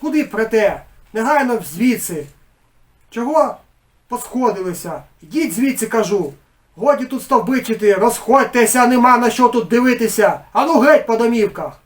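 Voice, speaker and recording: Man playing a loud, high-strung village boss barking orders in a spoken story reading. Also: lively intonation, moderate pace. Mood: commanding. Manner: shouting, commanding. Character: flustered middle-aged village council head, bellowing orders.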